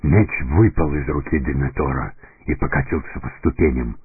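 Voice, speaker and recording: A male narrator with a very deep, heavily husky voice tells the story in a deliberate, dramatic way. The recording is dry and squeezed into a narrow, phone-like band, with faint music running underneath. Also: no room sound. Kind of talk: scripted audiobook narration.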